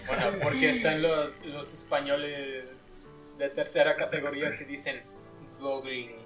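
A man's voice: on the high side, level tone, moderate pace, reverberant, recorded from a distance, loud music behind the voice. A man, co-hosting a podcast in casual banter, explaining things in a dry way. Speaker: podcast co-host.

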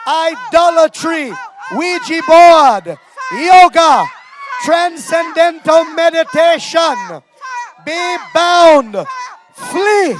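A man preacher shouting deliverance prayers, commanding spirits out in slow, repeated chant-like phrases. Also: extremely high pitch, slight background noise.

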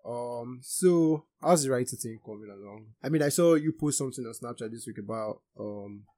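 A man's voice: mid-range voice, normal speed, warm tone. A young man with a Nigerian Yoruba accent hosting a casual podcast. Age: young adult. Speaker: podcast host.

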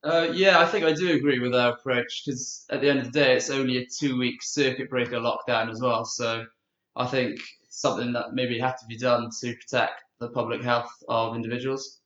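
Young man, flat and echoey. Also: mid-range voice, brisk. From Swansea, Wales. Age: young adult. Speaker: student interviewee. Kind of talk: radio interview answers. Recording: dull, echoey lo-fi sound.

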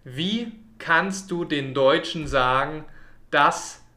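Guy teaching german online, talks real slow and clear, bright fairly high voice. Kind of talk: online language lesson.

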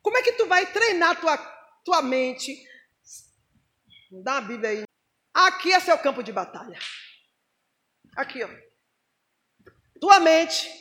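A woman preacher, telling a testimony in a lively, mocking way and acting out the voices she quotes. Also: extremely high pitch, slow pace, long pauses. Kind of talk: sermon with testimony.

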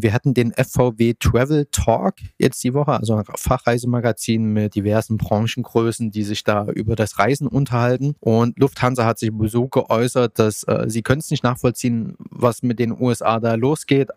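A man's voice: medium pitch, darkish tone, no echo, clean studio sound. A man hosting a podcast, explaining news in a casual, conversational way. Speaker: podcast host.

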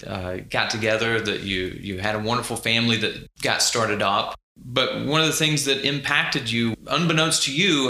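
A male podcast co-host interviews a guest, often stumbling and repeating words as he phrases his questions. His voice is strikingly bright and sharp. The office recording carries noticeable room echo. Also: medium pitch. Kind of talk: interview hosting.

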